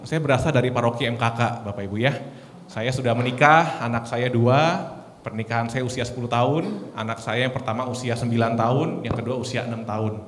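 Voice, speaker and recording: A man in his thirties, a lay preacher giving a casual, story-filled sermon at a prayer meeting. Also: mid-range voice. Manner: casual, chatty, storytelling with laughs. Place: large echoey church hall. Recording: echoey hall, faint noise.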